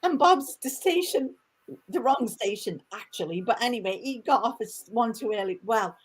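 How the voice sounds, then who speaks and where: A woman from Liverpool with a Liverpool accent softened by years in Canada, telling an animated story as a guest on a casual video call. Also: fairly high pitch, moderate pace, slightly rough. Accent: Liverpool (Scouse), softened by Canada. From Liverpool, England. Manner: animated storyteller, acts out voices.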